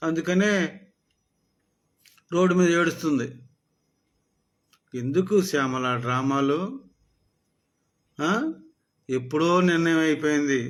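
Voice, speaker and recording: Man, fairly high voice, scolding political rant; sarcastic, mocking delivery. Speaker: political commentator. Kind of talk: political rant addressed to a rival.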